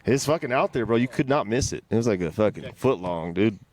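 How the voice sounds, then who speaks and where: A man's voice: on the low side, animated, brisk, darkish tone. A man hosting a casual podcast from a campsite, telling crude stories with lots of swearing and laughter. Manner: profane, laughing storyteller. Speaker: podcast host. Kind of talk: casual chat.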